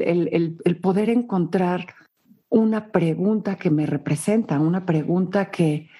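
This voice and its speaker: Musing woman with a dark husky voice. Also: fairly low pitch. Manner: musing, often ending phrases with a questioning "¿no?". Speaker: podcast co-host. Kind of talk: reflective casual conversation.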